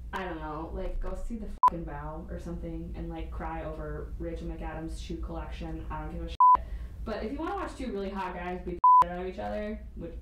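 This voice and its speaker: Tipsy, brash woman in an echoey room. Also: medium pitch. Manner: tipsy, loose drunken delivery; brash, sarcastic, sweary. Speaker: amateur film reviewer. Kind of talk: casual comic rant to camera. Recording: echoey room, distant mic, faint noise.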